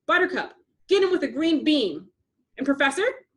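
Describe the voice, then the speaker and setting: A woman's voice: high-pitched, big pitch swings, normal speed, pitched above the performer's own voice. A woman voicing a sensible little girl who leads her sisters, directing and reassuring them.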